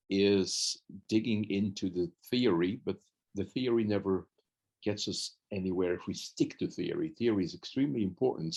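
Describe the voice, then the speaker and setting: A man's voice: lowish voice, slightly rough. A man from Belgium, a consultant, giving an earnest online talk as guest speaker over a video call, often restarting his sentences. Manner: earnest, with frequent restarts and fillers. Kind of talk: webinar presentation.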